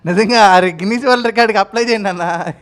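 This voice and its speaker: A man hosting an interview, enthusiastic and quick to praise his guest. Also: high voice, a bit bright. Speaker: interviewer host. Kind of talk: casual interview.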